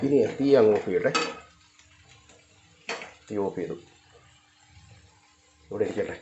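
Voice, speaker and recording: A man's voice: fairly low pitch, lively intonation, measured pace, highs cut off, noisy background. A man talking casually through his home cooking for a vlog, chatting to viewers and his cats. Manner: chatty self-narration, coaxing baby talk to his cats. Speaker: cooking vlogger.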